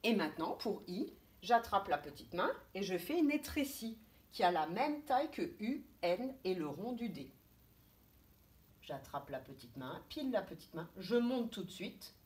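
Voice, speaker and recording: A woman, a kindergarten teacher giving a slow, step-by-step handwriting lesson to young children. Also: mid-range voice, big pitch swings. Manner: slow, step-by-step instructions, thinking aloud.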